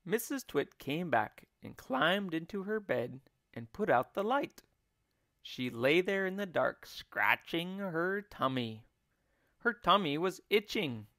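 A man who teaches English, reading a children's book aloud in an expressive, deliberate way. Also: a little high, dry recording, studio quality. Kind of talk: children's read-aloud storytelling.

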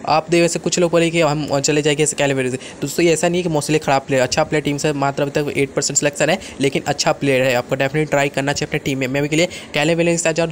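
A man's voice: fairly high pitch, slight background noise. A young man presenting fantasy cricket picks as the channel's host, rattling off confident, casual commentary to his viewers. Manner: rapid, confident, addresses viewers as friends.

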